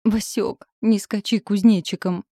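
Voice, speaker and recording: A fretful husband in labor, frugal and scared, from an audiobook, as a woman reads him. His anxious outbursts come out shrill and raised. The sound is dry and close. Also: fairly even intonation, measured pace, mellow, dry recording, natural voice. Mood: panicked.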